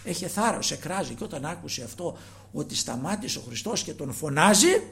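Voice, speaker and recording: A male preacher giving a sermon, emphatic, moving between loud passages and hushed ones, asking the congregation rhetorical questions. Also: a little high, big pitch swings, vocal fry.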